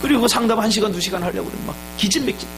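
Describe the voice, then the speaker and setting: A man's voice: high-pitched, racing, noisy background. A man preaching a sermon as pastor, telling stories and acting out the people in them. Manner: storytelling sermon, acting out dialogue and shouts.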